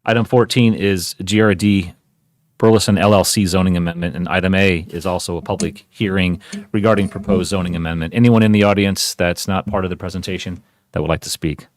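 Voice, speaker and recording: Man, very deep voice, brisk, procedural, chairing a meeting. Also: steady tone, dry recording, studio quality.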